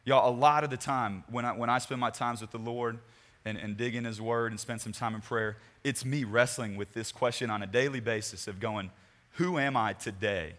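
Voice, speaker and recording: A man's voice: mid-range voice, steady tone, a little fast, a bit bright. A young man speaking casually to a youth group, rambling and self-deprecating with jokes before turning to a sermon. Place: large meeting room with a crowd. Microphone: handheld microphone. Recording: hall reverb.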